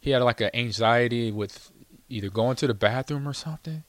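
A man's voice: medium pitch, a little fast, no echo. A man hosting his own show, chatting casually and telling a rambling story full of fillers and laughs. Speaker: show host, former football player. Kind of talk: casual chat.

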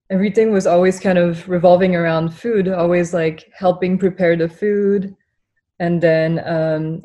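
Low, flat-voiced woman from Singapore. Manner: reflective, soft-spoken, with frequent fillers. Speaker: chef and guest. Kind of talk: casual interview.

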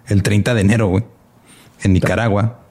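A man's voice: fairly low pitch, steady tone, a little fast, darkish tone. A young man co-hosting a podcast in casual, slangy chat, often laughing. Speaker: podcast co-host.

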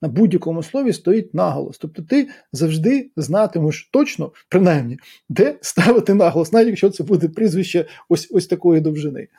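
A man's voice: on the high side, animated, fairly quick, dark tone, breathy edge. A man co-hosting a casual football podcast, explaining points and telling stories at length. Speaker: podcast co-host.

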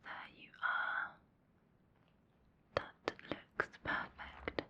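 A woman whispering slow, reassuring instructions in an ASMR hearing-test roleplay. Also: bright, forceful tone, dull audio.

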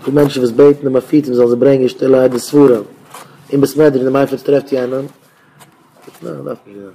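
A mellow-voiced rabbi giving a rambling talk. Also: male voice, mid-range voice, fairly even intonation, fast talker, a little hiss or hum. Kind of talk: informal Torah talk.

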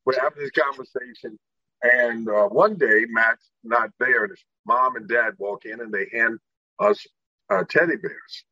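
A man's voice: medium pitch, a little slow, sharp tone, dry recording, lo-fi sound. A middle-aged man from Indiana, a guest telling his life story earnestly and acting out the people in it. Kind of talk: personal storytelling in an interview.

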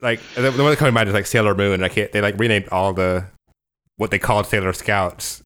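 A man's voice: lowish voice, fairly even intonation, brisk, fairly bright tone. A man co-hosting a podcast, talking casually and easygoing about books and shows. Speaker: podcast co-host. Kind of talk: casual chat.

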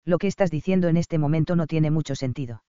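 A man's voice: on the high side, fast talker, dark tone, smooth, no echo, lightly acted. A man reading a teasing, blunt sister. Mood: puzzled. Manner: teasing, matter-of-fact. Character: teasing, blunt adult woman, the heroine's sister. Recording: slightly dull, dry studio recording.

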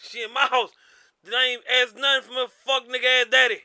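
A high-voiced man with a creaky edge and very bright, forceful tone. He banters casually as a co-host, brashly contradicting and ribbing with plenty of profanity. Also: little pitch movement, fast talker, dry recording.

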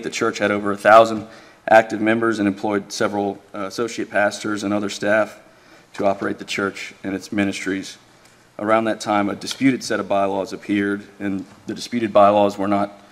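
A man speaking as an attorney, giving a measured, deferential, formal oral argument in a courtroom. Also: lowish voice, vocal fry. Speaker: attorney arguing an appeal.

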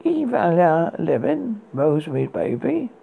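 A performer playing a spooky horror host, reading recommendations in a husky, gravelly voice with a halting, stumbling delivery. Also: medium pitch, big pitch swings, narrow, tinny audio, heavily acted. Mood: ominous. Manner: halting read with stumbles and repeated words. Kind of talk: scripted horror book and film recommendations read as a horror host.

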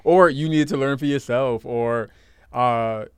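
A man's voice: mid-range voice, a little slow, smooth, dry recording. A man co-hosting a podcast, rambling in casual chat and teasing his co-host. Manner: rambling, teasing, laughs often.

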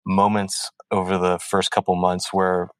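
A man co-hosting a casual sports podcast, thoughtful and measured, with many ums. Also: low voice, monotone, no room sound, rough recording. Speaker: podcast co-host.

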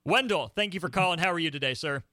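A man hosting a radio sports show, running a trivia game with quick, playful banter. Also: fairly high pitch, bright, forceful tone, dry recording, clean studio sound.

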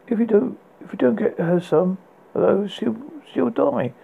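A man voicing a terrified poor husband who stutters and pleads for mercy, pitched well above his own voice. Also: animated, unhurried, creaky, slightly rough, narrow, tinny audio, heavily acted. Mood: pleading.

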